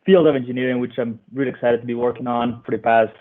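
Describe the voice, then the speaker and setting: A man from Colombia introduces himself on a virtual panel in a flat, even voice. His pitch is average for a man and barely moves. The audio is thin and tinny, like a phone line. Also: fast talker. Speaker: roundtable panelist, bridge engineer. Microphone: computer mic on a video call.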